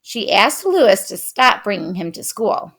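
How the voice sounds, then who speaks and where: A woman expressively reading a children's picture book aloud. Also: mid-range voice. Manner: expressive, unhurried. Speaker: storyteller.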